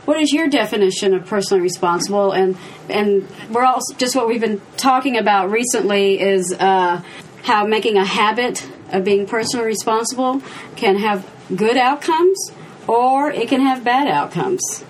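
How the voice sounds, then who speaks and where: A woman's voice: medium pitch, lively intonation, moderate pace, a little hiss or hum, rough recording. A woman hosting a panel discussion, asking questions in a friendly, hesitant way. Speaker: host.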